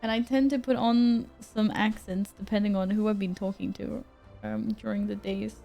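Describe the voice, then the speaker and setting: A woman's voice: medium pitch, fairly even intonation, normal speed, gravelly, warm tone, faint music behind. A young woman from Sweden, chatting casually with her stream viewers from her apartment, reading their messages aloud and laughing often. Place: apartment room at home.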